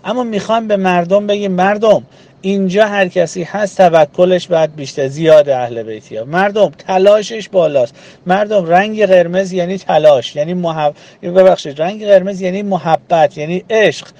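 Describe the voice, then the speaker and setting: A man giving an earnest religious talk to a group, speaking in rhythmic lists with frequent pauses. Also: sits high, a little mellow, dull audio.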